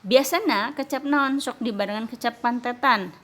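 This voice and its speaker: Woman teacher explaining slowly. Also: on the high side, a bit bright. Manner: explains slowly, switching between Sundanese and Indonesian. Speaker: primary school teacher. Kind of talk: recorded classroom lesson.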